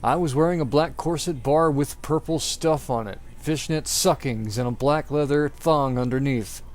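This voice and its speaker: At a moderate pace, an amateur reader with a slightly high voice hams up a piece of fan fiction. The performance is mock-dramatic and theatrical, with frequent fits of giggles.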